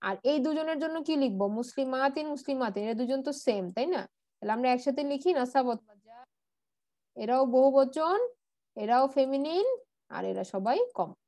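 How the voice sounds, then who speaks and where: A woman's voice: high voice, lively intonation, moderate pace, a little mellow, dry recording. A woman teaching an Arabic grammar class online, patiently repeating word forms and answering her own questions, with English words mixed in.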